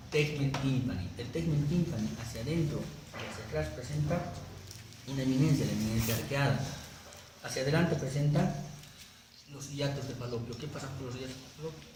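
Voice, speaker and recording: A man's voice: medium pitch, fairly quick. A man teaching anatomy to a class, conversational, often checking that students follow. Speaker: anatomy lecturer. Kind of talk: classroom lecture with jokes. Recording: very echoey room with background noise.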